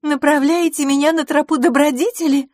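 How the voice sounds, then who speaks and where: A woman reading an audiobook, voicing a glamorous, bubbly young woman in a high, lilting, playful voice. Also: fairly even intonation, fairly quick, a little mellow, no room sound, clean studio sound, natural voice. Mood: coquettish.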